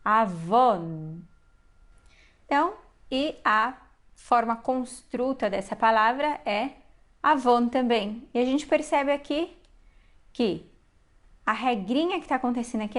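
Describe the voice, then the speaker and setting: A woman's voice: a little high, moderate pace. A woman, a language teacher in a recorded video lesson, who explains patiently and step by step to her viewers.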